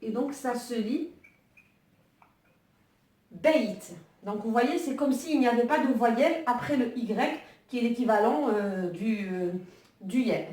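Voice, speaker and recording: Heard from afar in a room with echo, a woman teaches Arabic online, writing as she patiently explains, often using fillers and starting over. She speaks at a moderate pace in a slightly mellow voice on the high side.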